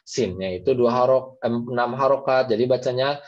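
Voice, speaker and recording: Speaking at a medium pitch and a normal pace, a man teaches Quran recitation in an online class, patiently explaining and reading the passages aloud as models. The audio comes through a video call and sounds dull and lo-fi.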